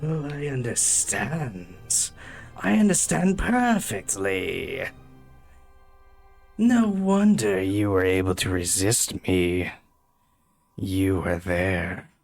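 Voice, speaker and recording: A man voicing a sinister crow-headed creature, cruel and gloating, in a slow, low, menacing delivery during an online tabletop game. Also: lively intonation, gravelly, soft background music, heavily acted.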